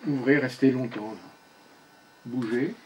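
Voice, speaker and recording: A man's voice: medium pitch, measured pace, darkish tone, muffled recording, slight background noise. An older man leading a one-on-one speech therapy session, patiently giving short commands and checking that his pupil follows. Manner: patient, gives short spoken commands, often asks "you see?".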